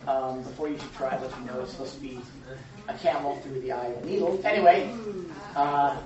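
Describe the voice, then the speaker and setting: A mid-range male voice, a little fast, belongs to a pastor leading an informal Bible study in a church room amid crowd noise. He speaks conversationally, puts questions to the group and chuckles frequently, all in a dull, lo-fi recording from a distance in an echoey room.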